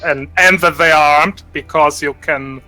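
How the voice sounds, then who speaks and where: A man narrating a tabletop role-play session as game master, halting with many restarts and fillers. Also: fairly high pitch, fairly even intonation, pushed and bright, soft background music.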